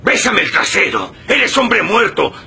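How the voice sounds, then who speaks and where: A defiant middle-aged crime boss in a screen drama. He shouts threats in a gravelly, swooping voice, cutting and forceful. There is faint noise behind him. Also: high voice, big pitch swings, measured pace, exaggerated voice. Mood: furious, defiant. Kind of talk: film drama acting.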